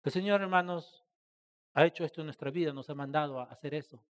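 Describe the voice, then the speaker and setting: High-voiced preacher, emphatic and earnest. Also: male voice, fast talker. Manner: emphatic preaching with rhetorical questions, addressing the congregation as brothers; swings between loud stressed phrases and soft trailing endings. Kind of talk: church sermon.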